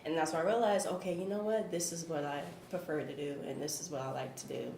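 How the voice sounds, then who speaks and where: A woman's voice: deep voice, steady tone, quick pace, gravelly, darkish tone. A woman in her twenties telling her story earnestly with many fillers in a casual group chat. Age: 20s. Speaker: guest. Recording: roomy echo, faint hiss.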